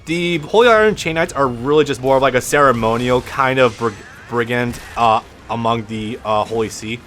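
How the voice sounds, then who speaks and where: Man, lisp, mid-pitched voice, casual game commentary, profane and rambling, faint game music behind. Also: normal speed, fairly bright tone. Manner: rambling, profane, frequent restarts. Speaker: let's play host.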